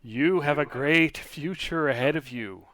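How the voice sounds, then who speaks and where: A man's voice: a little high, measured pace, a bit bright. Tabletop fortune-teller woman, acted by a man: polite, selling her prophecies. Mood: portentous.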